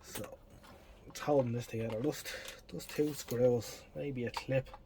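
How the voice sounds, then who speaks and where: An Irish electronics repair hobbyist with a mid-range voice and fairly even intonation talks at a measured pace. He gives casual, hands-on repair commentary in a wry, self-deprecating way, muttering to himself as he works, in a clearly noisy home video recording.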